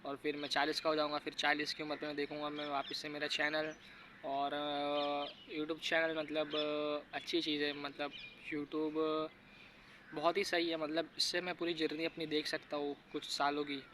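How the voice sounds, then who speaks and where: A man's voice: a little high, completely flat delivery, moderate pace, sharp tone, slight background noise. A teenage boy talking casually in a vlog, thinking aloud and rambling with many fillers as he goes. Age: teens. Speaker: YouTuber.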